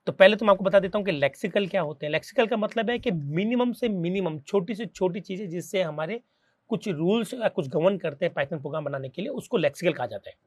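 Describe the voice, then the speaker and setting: A man with an Indian accent gives a programming tutorial in a chatty classroom manner. He keeps asking questions and answering them in his students' place. His voice sits a bit high for a man, and the recording is dry and close. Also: expressive, fast talker, no echo. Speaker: programming teacher. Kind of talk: classroom-style tutorial explanation.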